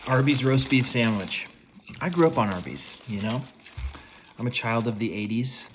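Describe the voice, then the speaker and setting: A man's voice: medium pitch, expressive, moderate pace, a little hiss or hum. A man in his forties giving a casual food review, chewing as he talks between bites.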